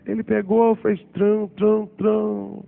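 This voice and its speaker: A preacher in his 40s tells his testimony during a sermon, acting out what people said in animated storytelling. His voice is high and slow with vocal fry, over soft background music. The recording sounds tinny, like a phone.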